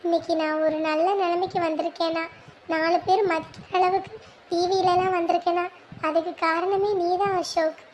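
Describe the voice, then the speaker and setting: A woman's voice: extremely high pitch, flat delivery, normal speed, slight background noise. An actress playing a doting young wife speaking tenderly to her sleeping husband in a family drama. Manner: tender, adoring. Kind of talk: family web drama acting.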